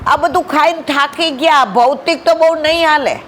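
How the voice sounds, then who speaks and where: Woman satsang speaker, very high voice, affectionate storyteller who keeps asking the crowd questions. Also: moderate pace, fairly bright tone, a little hiss or hum, rough recording. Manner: affectionate, often addresses listeners as "my dear"; conversational, asks the audience questions. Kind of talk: devotional satsang talk with storytelling.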